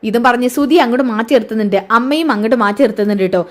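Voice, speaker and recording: A woman's voice: on the high side, racing. A woman casually retelling a TV serial episode in a chatty, conversational way. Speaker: serial recap narrator.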